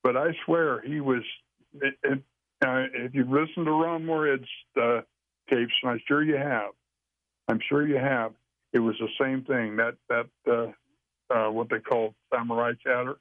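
A man telling a long story as an interview guest, rambling and halting with frequent restarts. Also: medium pitch, steady tone, no echo. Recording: dry, tinny phone line.

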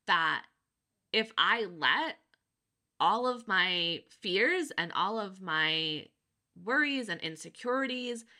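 A woman in her thirties talks through her thoughts in a relaxed podcast chat. Her voice has a bright, clear edge, and she thinks aloud with plenty of fillers and easy laughter. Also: on the low side. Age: 30s. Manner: reflective, laughs often, many fillers. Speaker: podcast co-host. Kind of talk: casual chat.

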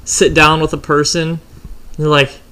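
A man telling a long story in casual chat, swearing freely and animated. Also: on the high side, moderate pace.

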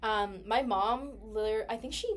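This young American woman's voice is a little high and her speech a little slow. Chatting in a casual personal conversation, she tells stories animatedly and leans heavily on "like."

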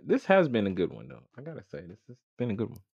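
A man co-hosts a podcast in relaxed, casual chat and often chimes in with short affirmations. His pitch is lively and varied. The audio is dull, dry and lo-fi. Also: fast, creaky, slightly rough, no room sound. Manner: brief affirming interjections. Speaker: podcast co-host. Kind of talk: casual wrestling talk.

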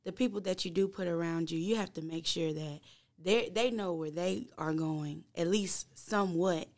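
A woman in her early twenties chatting casually on a podcast, lively and laughing as she tells stories. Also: lowish voice, moderate pace. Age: 20s.

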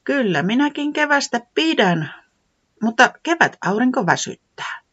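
Eager, breathy storybook weather gnome, done by a reader; bouncy, higher voice on a muffled recording. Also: very animated, fairly bright tone, heavily acted. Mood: enthusiastic. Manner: eager, enthusiastic. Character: cheerful winter-loving weather gnome.

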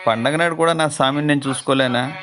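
A man's voice: on the high side, fast talker, lightly acted. A man voicing a poor, devout village man who pleads and weeps, with music behind him. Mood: pleading. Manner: desperate, pleading cries.

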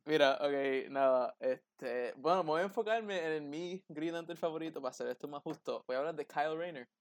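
A man's voice: a little high, fairly quick, dry recording, clean studio sound. A young man with a Puerto Rican accent making his case in casual, slangy Spanish peppered with English. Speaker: debater on a fan panel show. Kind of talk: casual bilingual debate.

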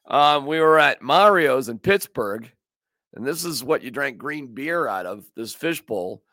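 A man's voice: mid-range voice, lively intonation, measured pace, pushed and bright, no echo, clean studio sound. A man hosting a casual sports podcast, joking and rambling as he chats with his co-host. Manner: joking, rambling, does silly voices.

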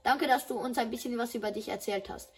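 Game dub, friendly male class teacher, voiced by a woman, higher pitch. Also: fast talker, slightly rough, faint music behind. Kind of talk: dubbing game dialogue.

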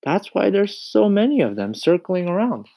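A boy with a raised, bright-ish voice, calm and earnest as he patiently lays out his idea, as a man puts him on. He speaks steadily and with growing enthusiasm. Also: high voice, moderate pace, creaky, dry recording, pitched above the performer's own voice, heavily acted. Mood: calm explaining. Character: calm, resourceful young boy.

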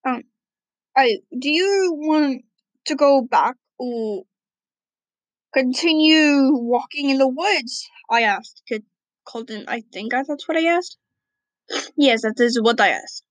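A woman's voice: high-pitched, expressive, slow pace, pauses often, no echo, rough recording. A woman voicing a rambling, forgetful ancient grandfather wolf-creature who tells a tale to his grandchildren. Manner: rambling, loses his train of thought.

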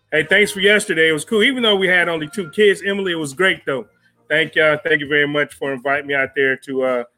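A man hosting a live stream show in a casual, laid-back way, greeting viewers by name and using easy slang. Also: on the high side. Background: jazz music playing softly.

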